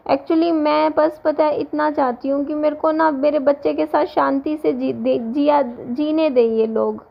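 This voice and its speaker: A woman in her thirties, hoarse from a sore throat, rambling casually to her viewers in a home vlog. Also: high-pitched, steady tone, a little slow, lo-fi sound. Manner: rambling, restarts often, talks to viewers directly. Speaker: vlogger.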